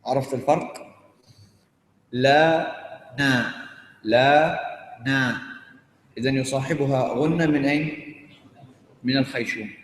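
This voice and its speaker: A man teaching Quran recitation, sounding out letters one by one and quizzing his students as he explains. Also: medium pitch. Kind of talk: tajweed lesson to students. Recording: very echoey hall, faint noise.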